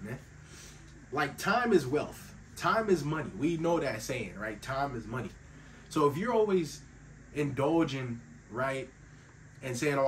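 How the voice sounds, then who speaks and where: A young man with a slightly sick voice giving an earnest, emphatic motivational talk, calling his listeners bro and fellas. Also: mid-range voice. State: voice a little sick. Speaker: faith-based self-improvement YouTuber. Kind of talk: casual motivational talk to camera. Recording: slightly distant mic with faint ambient noise.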